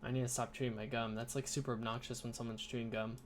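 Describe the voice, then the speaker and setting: A man co-hosts a casual livestream and chats as he sets it up at his computer. His voice sits at an ordinary middle pitch. A faint hiss runs underneath. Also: level tone, fast. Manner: chatty, fiddles with stream setup while talking. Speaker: co-host. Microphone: headphones with computer mic.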